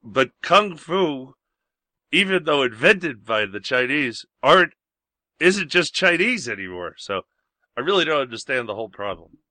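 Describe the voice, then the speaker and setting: A man's voice: medium pitch, big pitch swings, moderate pace, pushed and bright, no echo. Blunt, grumpy talk radio host man. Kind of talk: casual talk radio chat and news reading.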